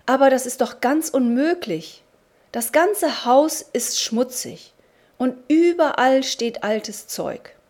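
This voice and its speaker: A woman's voice: sits high, expressive, slow, voice pushed up, full character voice. Woman doing a panicky flustered homeowner. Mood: alarmed. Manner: exclaiming, loud and agitated. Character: flustered middle-aged man, panicky homeowner.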